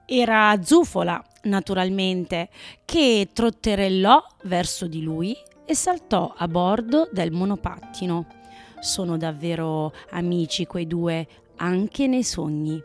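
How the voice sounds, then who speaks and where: A woman narrating a children's story in a gentle, measured manner. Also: on the low side, soft background music.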